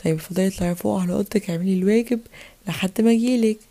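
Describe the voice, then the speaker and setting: A woman's voice: medium pitch, rapid-fire, dark tone, close to an everyday voice. A woman with an Egyptian accent voicing a strict, bossy babysitter in a toy play video. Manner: bossy, scolding.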